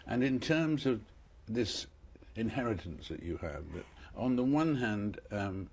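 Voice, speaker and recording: A man's voice: medium pitch, sing-song, measured pace, darkish tone, husky. A male interviewer who introduces his guest and asks long questions, often repeating words as he frames them. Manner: hesitant, repeats words while framing questions. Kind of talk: broadcast interview.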